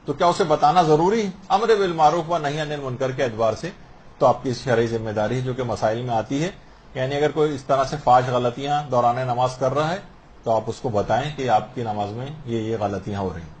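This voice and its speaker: A man's voice: fairly high pitch, slight background noise. A man with a Pakistani Urdu accent, a religious scholar teaching prayer rules by posing common questions and answering them. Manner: explains through questions and answers.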